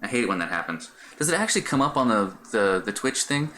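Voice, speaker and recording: A man's voice: medium pitch, sing-song, fast talker, sharp tone. A middle-aged man chatting casually on a live stream, rambling with many fillers and restarts. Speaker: Twitch streamer.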